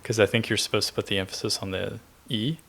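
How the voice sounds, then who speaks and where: Gravelly low-voiced man chatting casually. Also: fast. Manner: relaxed, rambling, many fillers. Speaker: podcast co-host. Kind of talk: casual chat.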